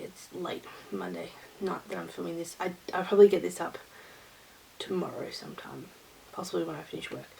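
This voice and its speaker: A woman's voice: mid-range voice, vocal fry, slight background noise, rough recording. A woman hosting her own knitting vlog, talking to camera in a rambling, easygoing chat. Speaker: knitting vlogger.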